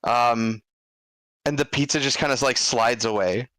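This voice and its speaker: A man's voice: medium pitch, unhurried, a bit bright, soft background music, low-quality recording. A man playing his character in a tabletop role-playing game, talking in short, hesitant bits. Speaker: player voicing Duke.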